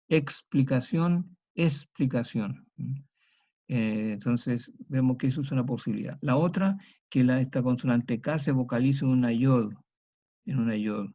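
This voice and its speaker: Methodical male lecturer, dark voice. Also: medium pitch, lo-fi sound. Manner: methodical, repeats each example slowly. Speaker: teacher. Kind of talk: university lecture.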